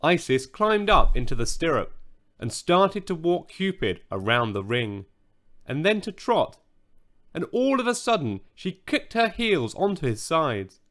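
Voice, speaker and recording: A man narrating a children's bedtime story audiobook in a gentle, expressive way. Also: fairly high pitch, unhurried.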